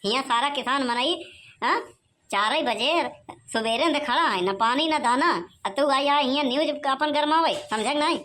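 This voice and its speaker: A woman voicing a hot-tempered rustic male farmer who scolds in rough village talk with an Awadhi accent. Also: sits high, moderate pace, a bit bright. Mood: furious.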